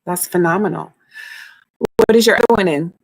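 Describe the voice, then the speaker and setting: A woman talks informally to her live stream audience, working through her points aloud. The voice is a bit low for a woman, with noticeable fry and a conversational delivery. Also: normal speed, dry recording, rough recording. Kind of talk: casual informal explaining to live viewers.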